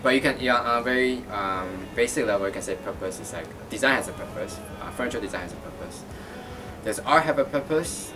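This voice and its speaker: In a gallery interview, a man from Taiwan who works as an artist and art teacher gives considered answers, often restarting and using fillers. He has a lowish voice, and the distant mic picks up background noise and music beneath him.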